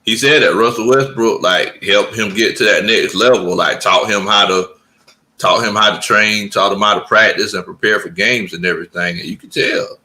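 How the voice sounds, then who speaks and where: A relaxed man with a Southern American accent chats about sports, agreeing readily. His voice sits fairly low and has a bright, forward edge. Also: low-quality recording. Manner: relaxed, agreeable, quick affirmations. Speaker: co-host. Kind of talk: casual sports chat.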